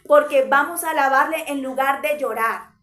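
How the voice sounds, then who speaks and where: A woman delivers a sermon in a high voice, stacking short repeated phrases for emphasis. Her voice rings with a roomy echo around it. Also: normal speed, fairly bright tone. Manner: emphatic, repetitive preaching in short parallel phrases. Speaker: preacher.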